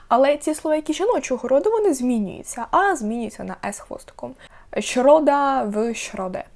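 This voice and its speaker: A young woman teaching a beginners' language lesson, repeating example words slowly and clearly for learners. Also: high voice.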